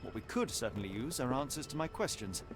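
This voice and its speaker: A man's voice: mid-range voice, big pitch swings, fast talker, lightly acted. Sherlock, a man voicing a stern British detective. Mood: stern resolve. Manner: formal, clipped, lofty Victorian diction. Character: brooding young male detective, driven and aloof. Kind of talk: video game voice acting. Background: loud game music.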